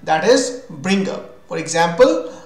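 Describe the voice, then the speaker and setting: A man with an Indian accent, an English teacher, gives a scripted vocabulary lesson, defining terms and then offering examples. His voice is high and sing-song, and he speaks a little slowly. The recording has a roomy echo with music behind him.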